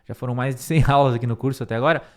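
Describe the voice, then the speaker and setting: Man teaching English phrases slowly. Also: medium pitch, fairly even intonation, clear, resonant tone. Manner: slow, careful repetition of English words; reassuring, speaks directly to students. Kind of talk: online English lesson, explaining phrases.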